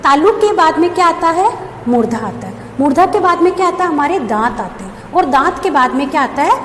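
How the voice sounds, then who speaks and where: Female teacher, high voice, reverberant room; poses questions and answers them, spells letters slowly. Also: lively intonation. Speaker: school teacher. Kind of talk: classroom grammar lesson. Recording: echoey room with faint background hum.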